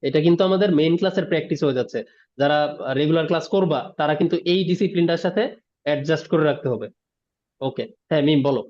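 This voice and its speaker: A man's voice: fairly high pitch, fast, darkish tone. A man teaching English in an online class, explaining word meanings and checking in with students after each point. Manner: explains word by word, mixing English terms, asks "ঠিক আছে?". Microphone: video call. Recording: dull lo-fi online class audio.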